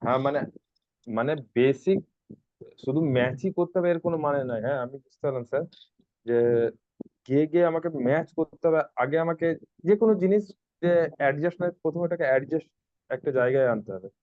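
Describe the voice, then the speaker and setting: A man's voice: fairly high pitch, quick pace, long pauses, no room sound. A man, a student who eagerly restates what he has understood. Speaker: student asking questions. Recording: dry, muffled lo-fi audio.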